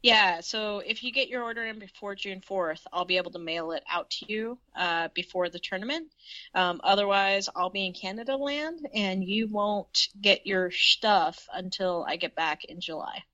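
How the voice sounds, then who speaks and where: A woman co-hosting a casual sports podcast, chatty and relaxed, swearing now and then. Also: mid-range voice, moderate pace, dry recording, highs cut off. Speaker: podcast co-host. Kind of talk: casual chat.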